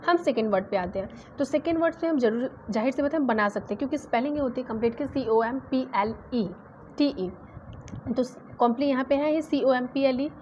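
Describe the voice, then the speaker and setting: A woman's voice: high voice, brisk, darkish tone. Female grammar teacher, patient, spells words aloud letter by letter; dull lo-fi recording with faint hiss. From India. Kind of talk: exam-prep grammar lesson. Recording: dull lo-fi sound with faint noise.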